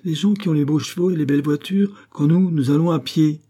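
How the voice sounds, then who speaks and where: A man's voice: fairly high pitch, fairly quick, mellow, pitched above the performer's own voice, close to an everyday voice. A man playing a boastful, fiery young peasant lad. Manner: boastful, emphatic declaiming.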